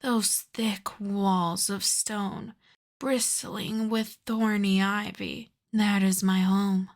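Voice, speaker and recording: A woman playing an ancient aristocratic vampire countess in an ASMR roleplay, soft and breathy with whispers, speaking in a refined, coy, teasing way. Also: medium pitch, steady tone, drawn-out words. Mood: proud, coaxing. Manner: refined, coy, formal old-fashioned phrasing. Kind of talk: ASMR roleplay, slow intimate scripted monologue.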